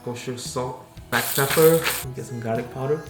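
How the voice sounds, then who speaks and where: A man talking casually in a home vlog about his day, with a halting, hesitant delivery. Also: medium pitch. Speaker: vlogger. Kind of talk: casual cooking and recovery vlog. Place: indoor home kitchen. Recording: echoey room with music behind.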